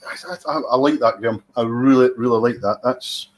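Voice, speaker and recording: A man's voice: medium pitch, a little fast. A Scottish man hosting a whisky tasting, talking in a chatty, teasing way and savouring his descriptions. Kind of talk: casual tasting commentary.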